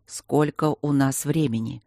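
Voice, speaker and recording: A man voicing a calm, sardonic officer who speaks slowly, evenly and quietly. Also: fairly high pitch, no room sound, clean studio sound, natural voice. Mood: calm, measured. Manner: slow, measured, even.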